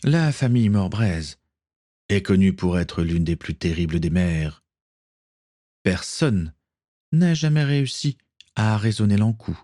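A man voicing a stern, dutiful naval captain in a read-aloud story, measured and authoritative. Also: lowish voice, animated, dark tone, no room sound, studio quality. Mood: grave.

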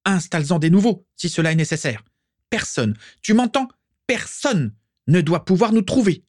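A man's voice: sits high, lively intonation, moderate pace, dry recording, clean studio sound, pitched above the performer's own voice. A man voicing an imperious pure-blood matriarch. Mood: commanding. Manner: imperious, ordering. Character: stern proud pure-blood mother, commanding.

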